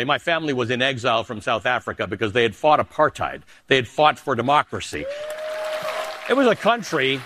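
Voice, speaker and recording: Here the Canadian anchor, middle-aged and fairly bright in tone, argues politics emphatically and weaves in a personal essay. For personal remarks his voice falls low.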